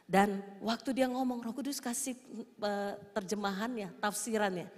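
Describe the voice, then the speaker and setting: A woman pastor preaching a sermon in a large church, telling stories that swing from hushed to shouted. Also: mid-range voice, steady tone, normal speed. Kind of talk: sermon with storytelling. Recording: long reverb of a church hall.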